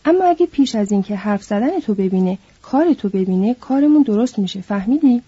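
Brief: woman voicing an impatient scolding worker man, very dark husky tone, dull lo-fi sound. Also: mid-range voice, animated, no echo. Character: small sharp-tempered itinerant worker man, protective. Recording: dull lo-fi recording.

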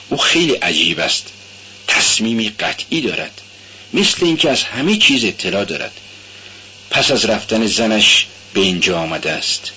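Anxious and brooding, this young student speaks low and subdued, as a male narrator voices him. The voice is bright in tone, and the storybook recording is dull and lo-fi. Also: slight background noise.

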